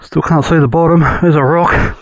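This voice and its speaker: A man with an Australian accent thinking aloud in relaxed slang as he rides rough bush tracks, recorded outdoors on a helmet or action camera mic. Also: fairly high pitch, normal speed, dry recording. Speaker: motorcycle vlogger. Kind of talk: casual riding commentary.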